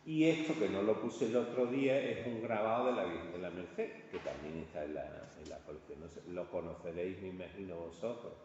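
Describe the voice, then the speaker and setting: A Spanish art history lecturer from Spain gives an informal illustrated talk to an audience in a large, reverberant indoor hall. His deep, slightly mellow voice sounds halting and conversational, and he often checks in with listeners. The recording is echoey and distant, with muffled sound and faint noise.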